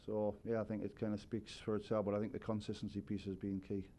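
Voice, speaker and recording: A man's voice: on the low side, little pitch movement, fast talker, dark tone. A man in his forties, a head coach, giving thoughtful postgame answers at a press conference, seated at a table with a microphone. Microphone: table microphone on a stand.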